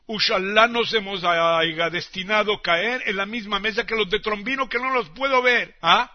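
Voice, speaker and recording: A man's voice: high-pitched, normal speed, muffled recording. A man from Tangier, telling a teasing comic monologue to an audience and dropping in words from other languages. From Tangier, Morocco. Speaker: comic storyteller.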